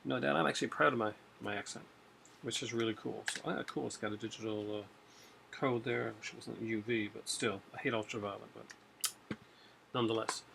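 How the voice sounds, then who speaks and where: Speaking at a normal pace, a middle-aged man from Newfoundland, Canada, with a light accent, has a fairly low, steady voice touched with vocal fry. As a video host he rambles casually through his purchases, full of fillers, on a home webcam in a room with shelves and a TV, with background noise audible.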